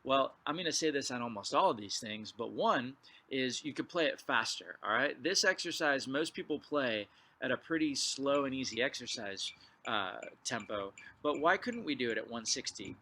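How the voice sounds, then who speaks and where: A man's voice: mid-range voice, lively intonation, moderate pace, slight background noise. A man teaching a drumline clinic, explaining exercises and calling count-offs before he plays. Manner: counts off loudly before playing. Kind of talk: percussion lesson.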